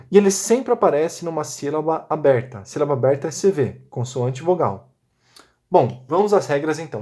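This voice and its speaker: Male teacher, middle-aged, higher-than-usual pitch; patient, methodical recorded lesson with frequent check-ins. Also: darkish tone.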